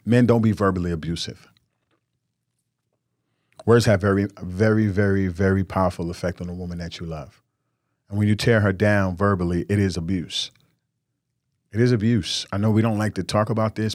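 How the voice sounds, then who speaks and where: Earnest low-voiced man giving marriage advice. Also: no echo, clean studio sound. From New York. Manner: earnest, preachy and candid, with repeated emphatic words. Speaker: podcast host.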